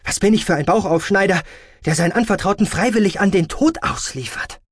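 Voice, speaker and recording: A man voicing an indignant, stubborn male ship surgeon who protests loudly and stammers when confused. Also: high-pitched, fairly quick, breathy edge, no echo, studio quality, voice pushed up.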